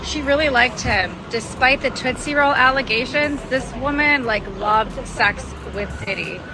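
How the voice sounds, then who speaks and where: A woman's voice: high-pitched, a little slow, noisy background. A woman giving a gossipy on-the-scene recap of a trial. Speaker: trial reporter. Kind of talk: on-the-scene reporting.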